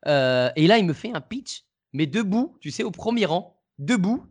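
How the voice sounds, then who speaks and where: A man's voice: sits high, big pitch swings, moderate pace, husky. A man, a comedian guest, casually telling an anecdote in an interview, hesitant and full of restarts. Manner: hesitant, many restarts and fillers.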